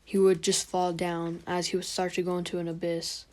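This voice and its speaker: A young woman narrates an improvised fan story in a low, very flat, monotone voice. She rambles and halts, filling gaps with ums and likes. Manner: rambling, halting, many fillers.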